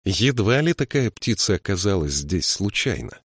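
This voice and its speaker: A man reading the part of a small, calm troll in an audiobook, measured and matter-of-fact. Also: lowish voice, dry recording, studio quality. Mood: thoughtful. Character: small wise male troll, calm and practical.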